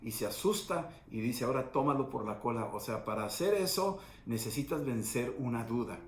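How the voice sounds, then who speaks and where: A middle-aged man pastor, teaching in a steady, explanatory conversational sermon. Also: mid-range voice, brisk. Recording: echoey room with faint noise.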